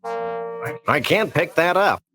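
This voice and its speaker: Deadpan, wordy cartoon dog detective. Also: male voice, high-pitched, extremely slow, vocal fry, heavily acted. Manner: deadpan, verbose. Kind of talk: cartoon adventure game voice acting. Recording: game audio with prominent music behind.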